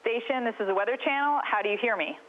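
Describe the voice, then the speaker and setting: A woman's voice: fairly high pitch, quick pace, a little hiss or hum. A woman working as a TV interviewer, asking questions in a casual conversational style over a phone-like link. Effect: phone or radio link. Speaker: TV weather channel interviewer. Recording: tinny narrow phone-like line.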